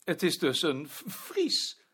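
A man's voice: on the high side, wildly swooping pitch, slow pace, bright, forceful tone, breathy edge, full character voice. An actor playing a prim male office director who talks hesitantly, stammering now and then. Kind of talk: drama acting.

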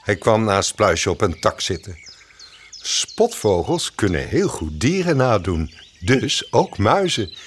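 A man narrating a scripted children's story in an expressive, gentle storytelling way. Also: on the low side, slow pace, a little hiss or hum.

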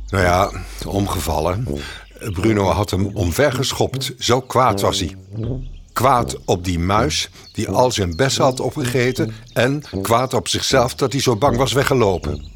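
A man narrating a children's story in an expressive, storytelling manner. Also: on the low side, unhurried. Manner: lively, expressive. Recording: music bed under the voice.

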